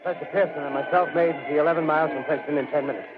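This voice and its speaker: A man's voice: on the high side, fairly even intonation, very fast, lightly acted. An actor playing an earnest radio field reporter in a 1930s drama, formal and now and then hesitant as he searches for words. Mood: awed, flustered. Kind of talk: 1930s radio drama acting as live commentary. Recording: tinny, noisy old 1930s radio broadcast.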